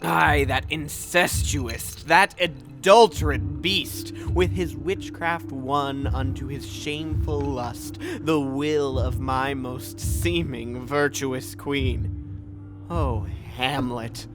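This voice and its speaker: A man playing the solemn, tormented ghost of a murdered king in a Shakespearean audio drama, speaking gravely and declaiming with drawn-out words. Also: medium pitch. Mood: bitter, disgusted. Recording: music under the voice. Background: music.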